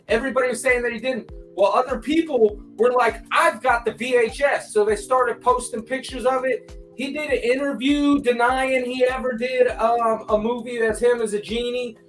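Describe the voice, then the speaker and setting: A man chatting on a casual livestream, laid-back and rambling as he tells stories. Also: very high voice. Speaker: co-host. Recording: distant echoey mic with faint music.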